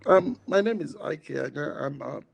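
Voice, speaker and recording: A tired Nigerian man, a public health doctor, speaking on an online group video call. He talks in a measured way, with frequent pauses and "um"s. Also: a little high, expressive, vocal fry. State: tired after being on call. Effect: online group video call audio. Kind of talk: introductions on an online panel.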